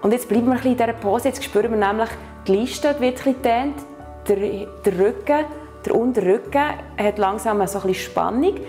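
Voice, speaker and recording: A warm, slightly high female voice delivers brisk step-by-step instructions for stretches and back exercises over faint music. The Swiss-accented instructor is patient and encouraging and likes to finish sentences with a questioning "oder?".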